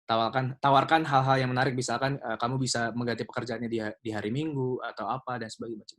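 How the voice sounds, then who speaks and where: A man's voice: mid-range voice, little pitch movement, quick pace, fairly bright tone. A young man hosting an online youth meeting, talking casually with many hesitations. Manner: casual, hesitant, full of fillers. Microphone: video call.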